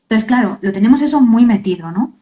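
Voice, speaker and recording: Woman, interview guest, earnest, halting, warm mellow tone. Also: a little high, lively intonation, rough recording. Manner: earnest, halting, many tag questions. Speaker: author and guest. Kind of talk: emotional interview talk.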